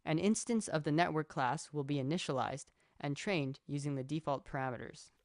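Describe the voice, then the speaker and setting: A young man from Canada giving a steady, scripted narration that explains code as a student presenter. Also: fairly high pitch, a little fast, no echo. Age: young adult.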